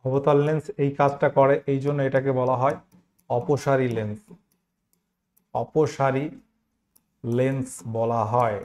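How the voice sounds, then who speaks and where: A man's voice: medium pitch, flat delivery, measured pace, pauses often, a little mellow. Man teaching a science lesson, repeating terms. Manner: explains step by step, repeats key terms, asks students questions. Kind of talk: exam-prep science lesson.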